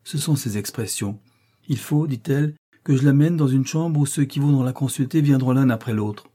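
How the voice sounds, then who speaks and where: A man's voice: medium pitch, moderate pace, mellow, pitched above the performer's own voice, lightly acted. A man voicing a hesitant, deferential male servant in a storybook reading.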